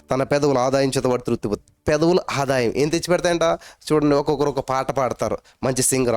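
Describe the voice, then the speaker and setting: A man preaching a sermon as a pastor, fervent and emphatic, building to loud exclamations. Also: a little high, no room sound.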